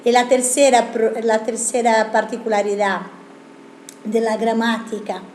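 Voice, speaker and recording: A woman's voice: a little high, flat delivery, a little slow, a little mellow, a little hiss or hum. A woman teaching a language lesson, asking rhetorical questions and explaining with examples. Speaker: Italian teacher. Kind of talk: video lesson. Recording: echoey room.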